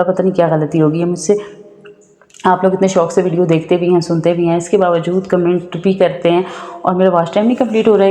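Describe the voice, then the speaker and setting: A woman vlogger with a fairly low, dark voice shares a personal story and offers advice in a chatty, casual way, frequently checking in with her listener. The room is echoey, with a long reverb.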